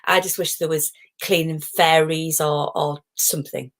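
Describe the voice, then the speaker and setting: Lady chatting on a live stream, wanders off topic, laughs a lot, voice a bit low. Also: steady tone, a little slow. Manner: chatty, digressive, laughs often. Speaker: positivity coach hosting a live stream. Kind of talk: casual live-stream talk.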